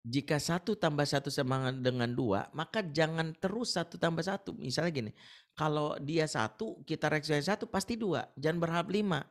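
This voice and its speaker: A man's voice: fairly high pitch, fairly quick. A man speaking as an ustaz in a webinar on marriage, telling stories animatedly and acting out the voices of the people in them, heard over a video call. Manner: animated storytelling, acts out quoted voices.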